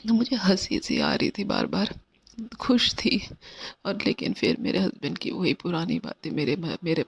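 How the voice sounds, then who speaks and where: A woman devotee sharing a personal devotional testimony, talking in a hesitant, halting way. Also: lowish voice, wildly swooping pitch, vocal fry, breathy edge, no room sound, in a whisper.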